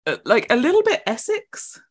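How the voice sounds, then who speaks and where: A woman co-hosting a podcast in casual chat, talking in quick asides and laughing often. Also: sits high, wildly swooping pitch. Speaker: podcast co-host.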